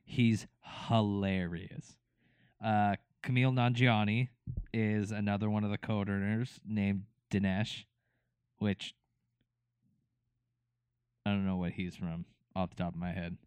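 Low, smooth-voiced man rambling casually. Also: little pitch movement, slow, pauses often, a little mellow, dry recording. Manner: rambling, many fillers and restarts. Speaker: podcast co-host. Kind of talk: casual chat recapping a TV show.

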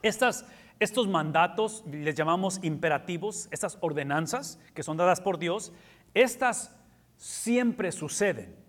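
A man's voice: sits high, animated, unhurried, long reverb tail. A man preaching a sermon with emphasis, repeating key words and slipping in English terms. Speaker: pastor. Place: church hall.

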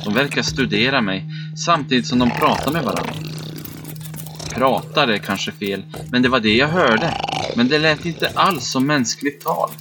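A man telling a first-person story as scripted narration, in a measured, steady delivery. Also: medium pitch. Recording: dull, muffled recording with faint background music.

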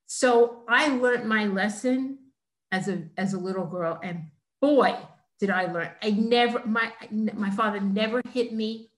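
A middle-aged woman tells a personal story to her host, emphatic and animated and often tripping over her own restarts. Her voice sits at a medium pitch. The recording has a roomy echo around it. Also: a little slow. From New York, United States. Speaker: author and guest.

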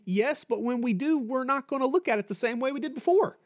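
A man's voice: extremely high pitch, fairly quick, muffled recording. A man preaching a sermon in a conversational way, asking the listeners questions and acting out short quoted lines. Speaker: pastor.

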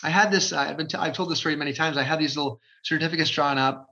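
Man, forties, from Ontario Canada, energetic casual interview talk, lots of fillers, dull lo-fi recording. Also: on the high side, very fast. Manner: energetic, chatty, many fillers. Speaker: guest, realtor. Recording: dull lo-fi sound.

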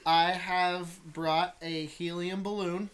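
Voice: mid-range voice, flat delivery, slow pace, a crowd in the background. A podcast host running a sports quiz, teasing the others and laughing often. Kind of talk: casual sports chat.

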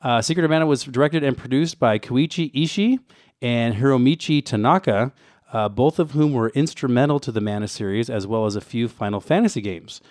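A man's voice: medium pitch, fairly quick, a little mellow, no room sound, clean studio sound. A man co-hosting a casual retro gaming podcast, presenting background notes with wry, joking asides. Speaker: co-host giving game background.

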